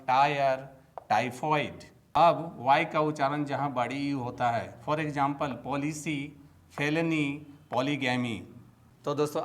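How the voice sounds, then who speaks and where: A man teaching English pronunciation in Hindi, saying each example word slowly and separately, one word at a time. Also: fairly high pitch. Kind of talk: slow, deliberate Hindi lesson, reading out word lists.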